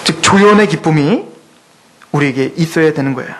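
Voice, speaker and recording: A man preaching a sermon in a church, telling a story with lively quoted voices. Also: on the high side, fairly quick. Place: church sanctuary.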